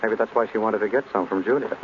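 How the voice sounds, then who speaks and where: An actor playing a wry, sharp gentleman detective in a brisk, probing radio-drama style of the 1930s. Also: fairly low pitch, close to an everyday voice. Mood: casual, dry. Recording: dull, noisy old radio recording.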